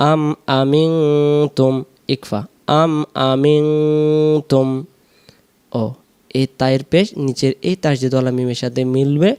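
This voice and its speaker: A man teaching Quran recitation, slowly drawing out the verses and then explaining each sound quickly. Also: mid-range voice, dark tone, clear, resonant tone. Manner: slow drawn-out recitation alternating with quick explanations.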